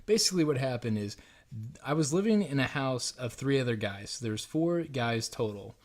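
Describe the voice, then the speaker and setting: A man's voice: medium pitch, animated, normal speed. A man, co-hosting a casual podcast and telling rambling stories with casual swearing. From Missouri, USA. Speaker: podcast co-host. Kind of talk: casual chat.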